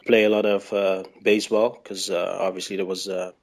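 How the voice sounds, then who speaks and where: A man's voice: sits low, flat delivery, normal speed. A man from Aruba with an Aruban accent, chatting casually in an interview and often searching for words. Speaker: podcast guest.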